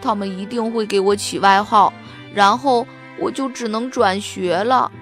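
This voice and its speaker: A woman voicing a worried young schoolboy who pleads and bursts into loud complaints. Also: medium pitch, fairly even intonation, a little slow, soft background music. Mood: anxious. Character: anxious, easily flustered young schoolboy.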